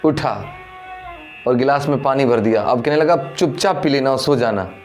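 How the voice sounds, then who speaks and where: A man tells a moral story as a Buddhist sermon, his voice at an ordinary middle pitch. He calls the listeners brothers in the dhamma and rises in pitch when he acts out the lines of the people in the tale. Soft instrumental music plays faintly behind him. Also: normal speed. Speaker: Buddhist preacher.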